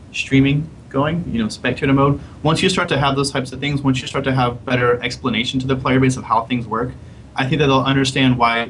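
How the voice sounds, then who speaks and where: A man's voice: mid-range voice, a bit bright, a little hiss or hum, rough recording. A man, a game developer, explaining his design thinking in a casual podcast panel chat. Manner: quick, explanatory, casual slang.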